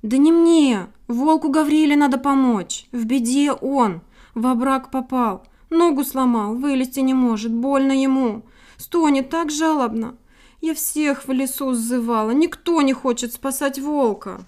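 A woman's voice: sits high, a little slow, a little mellow, voice pushed up. A woman voicing a tiny, anxious little female titmouse in a storybook reading, breathless and pleading.

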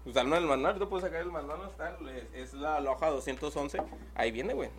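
A man's voice: fairly high pitch, fast, background noise. A young man with a Mexican accent telling a long story in casual chat, rambling and full of slang filler words. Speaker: podcast host.

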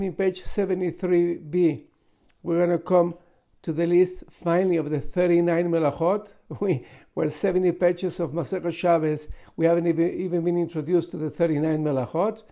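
A male teacher with leads an informal Talmud lesson. His voice sits high for a man, with a gravelly creak and a mellow, unforced tone. He explains point by point, breaking off for asides and checking questions. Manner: didactic, with rhetorical questions and asides.

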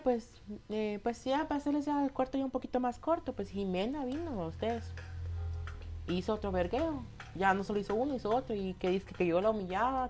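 A man's voice: high-pitched, a little mellow. A flamboyant young man with a Guatemalan Spanish accent tells a casual story straight to his viewers. He swears freely and keeps tagging his sentences with "va.". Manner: flamboyant, self-described effeminate. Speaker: vlogger telling a personal story.

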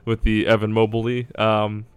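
Casual male sports analyst, low and flat delivery, clean dry sound, works out his thoughts as he speaks. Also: unhurried, clean tone, dry recording. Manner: hedging, thinking aloud. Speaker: basketball draft analyst.

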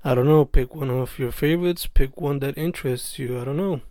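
A man's voice: medium pitch, normal speed, warm tone, no room sound, studio quality. A man hosting a podcast, talking in a laid-back, slangy way. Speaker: podcast host. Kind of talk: casual podcast chat.

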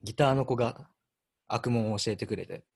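A man in his twenties with a Kansai accent, a band member telling a story in a relaxed, self-mocking way on a casual radio chat. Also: mid-range voice, a little fast, breathy edge. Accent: Kansai Japanese.

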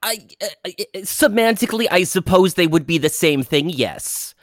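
A man's voice: sits high, expressive, moderate pace, no room sound, clean studio sound. A man in his thirties, guest in an improvised comedy interview, who stammers and rambles in a flustered way. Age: 30s.

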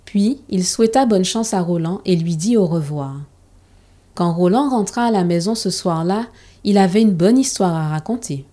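A woman narrating a children's story in a calm, steady storybook reading. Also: lowish voice, moderate pace.

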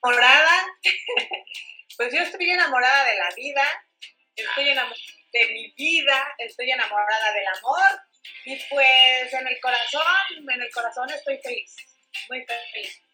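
A Mexican woman co-hosting a casual chat, speaking in a deliberate, heartfelt way. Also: high voice, bright, forceful tone, soft background music, low-quality recording. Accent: Mexican Spanish. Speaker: co-host. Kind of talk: casual chat over coffee.

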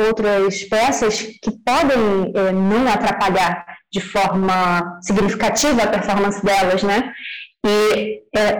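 A woman's voice: mid-range voice, rough recording. A woman, speaking as a panelist in a casual discussion, earnest and opinionated.

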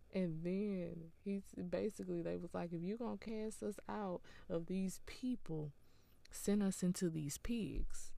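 A woman gives an earnest, encouraging devotional talk with an unhurried, gravelly voice. She often sinks into a soft whisper, her tone warm and mellow. The sound is close and dry. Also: sits low. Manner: earnest, encouraging, with small laughs.

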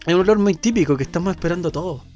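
Chatty Chilean man, slightly high voice. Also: very fast, darkish tone, soft background music. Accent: Chilean Spanish. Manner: hesitant, many fillers and restarts. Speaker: co-host. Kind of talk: casual radio chat.

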